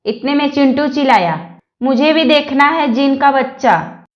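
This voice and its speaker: A woman reading a string of jokes aloud, one after another, in an even manner. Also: sits high, normal speed, reverberant, lo-fi sound. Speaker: joke reader.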